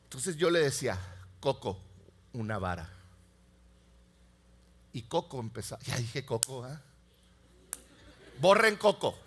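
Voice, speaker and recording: A man, preaching a sermon with animated storytelling that swings from loud to hushed. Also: mid-range voice, slow, pauses often, husky. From Mexico. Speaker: pastor.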